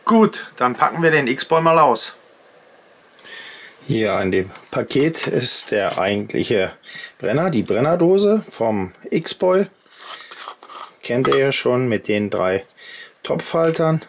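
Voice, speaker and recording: This outdoor gear vlogger in his fifties speaks slowly from his home workbench, pausing often, his medium pitch swinging widely. He chats casually with viewers and explains every step as he shows it, over slight background noise.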